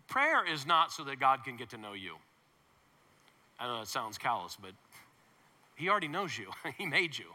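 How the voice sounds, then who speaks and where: Bright, high-voiced preaching man. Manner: emphatic, conversational preaching with playful asides. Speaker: pastor. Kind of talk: sermon. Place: large church hall. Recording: long hall reverb.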